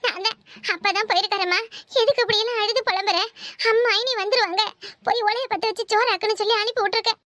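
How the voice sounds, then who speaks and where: A woman's voice: very high-pitched, fairly even intonation, pushed and bright, no echo, studio quality. A woman voicing a scheming, bossy young married woman in a cartoon, talking with a Kanyakumari Tamil accent. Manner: bossy, scolding, fast chatter. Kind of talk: cartoon voice acting.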